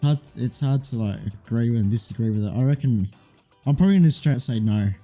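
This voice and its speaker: A man's voice: medium pitch, lively intonation, quick pace, dark tone, faint music behind. A man co-hosting a podcast in casual chat, laid-back and hesitant, agreeing often. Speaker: podcast co-host.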